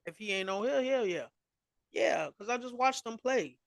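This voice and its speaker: High-voiced man in slangy sports banter. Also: expressive, moderate pace, gravelly, fairly bright tone, no echo. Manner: loose, slangy, trash-talking and laughing. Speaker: podcast co-host. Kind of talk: casual sports chat.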